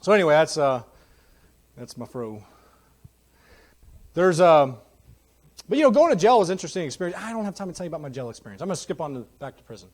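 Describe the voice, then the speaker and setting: A man in his thirties preaches his life story from a church pulpit, candid and quick to joke. His voice sits a bit higher than most men's, and his telling is lively and animated. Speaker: guest preacher. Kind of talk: testimony sermon. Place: church sanctuary.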